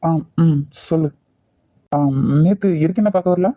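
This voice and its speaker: A man's voice: sits high, moderate pace, mellow, no echo, close to an everyday voice. A man voicing a cocky male college senior with a Kanyakumari Tamil accent, teasing and domineering. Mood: smug.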